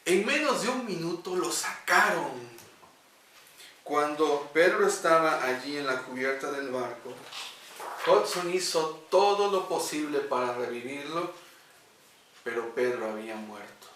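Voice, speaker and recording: A man's voice: a little high, lively intonation, a little slow, fairly bright tone, slight background noise. Earnest man telling a devotional story. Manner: earnest, with hesitant fillers. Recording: echoey room, distant mic.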